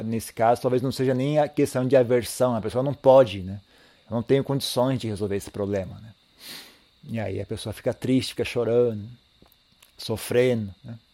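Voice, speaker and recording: A man gives a calm, reflective Buddhist teaching, often pausing to repeat himself and ending phrases with a questioning tag. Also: fairly low pitch. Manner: calm, reflective, tags sentences with "né?"; repeats and restarts phrases while thinking. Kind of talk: dharma talk.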